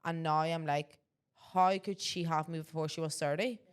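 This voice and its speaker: Co-host: low-pitched woman in her twenties, opinionated and emphatic. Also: steady tone, moderate pace, clean tone. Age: 20s. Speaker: podcast co-host. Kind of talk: casual chat.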